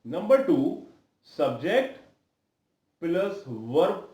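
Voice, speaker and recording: Animated Indian English grammar teacher. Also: male voice, a little high, echoey room, rough recording. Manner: slow, deliberate lecturing with repetitions and Hindi asides. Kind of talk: video lesson lecture.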